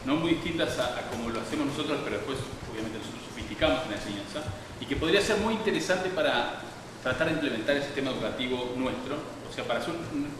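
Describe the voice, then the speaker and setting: A man's voice: medium pitch, expressive, fast. Man lecturing in an echoey hall. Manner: digressive, many restarts and fillers. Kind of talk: public science lecture. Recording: distant, echoey hall, background noise.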